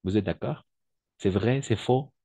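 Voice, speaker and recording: A man's voice: fairly low pitch, a little slow, gravelly, mellow, dry recording. A man teaching a French lesson online, patiently repeating examples and often checking that his students follow.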